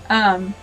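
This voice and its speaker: A woman's voice: medium pitch, fairly bright tone. A young woman gushing and giggling through casual game commentary, teary-eyed. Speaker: gaming video creator. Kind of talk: casual let's play commentary.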